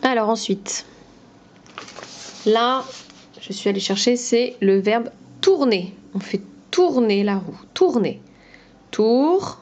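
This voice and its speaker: Very slow, careful woman teacher. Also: on the high side, animated, darkish tone, highs cut off. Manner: slow, clear syllable-by-syllable pronunciation. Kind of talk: phonics lesson for young children.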